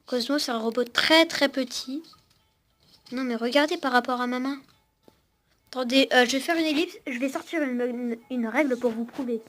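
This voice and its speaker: This young vlogger's voice sits high and sounds a bit bright, moving at a moderate pace with faint music behind. At home with her cat on her lap, she casually demos a toy robot and chats with it and her viewers. It's a noisy home recording.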